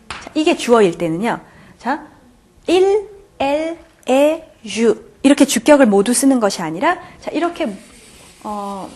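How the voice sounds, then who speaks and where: Woman grammar lecturer, animated and slightly husky, patient and repetitive. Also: a little high. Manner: patient, repeats key points, frequent "자" and questions to students. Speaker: French grammar teacher. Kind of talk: classroom lecture.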